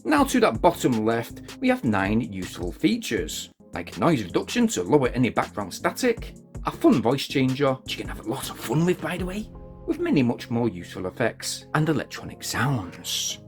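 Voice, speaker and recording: A man's voice: medium pitch, huge pitch swings, normal speed, faint music behind. A man giving a chatty, jokey product review in a casual, upbeat way.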